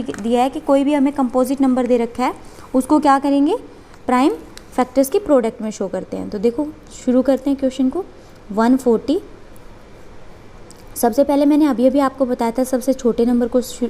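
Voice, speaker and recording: Lady maths teacher, high mellow voice, walks thru each step, asks then answers herself. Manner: step-by-step explaining, asks and answers own questions. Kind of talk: whiteboard maths lesson.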